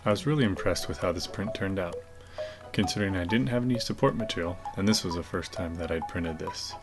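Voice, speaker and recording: A man's voice: low voice, fairly quick, over music. A man giving a casual, matter-of-fact voice-over for a how-to video, explaining each step plainly. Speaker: maker narrating a how-to video. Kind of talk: casual scripted tutorial voice-over.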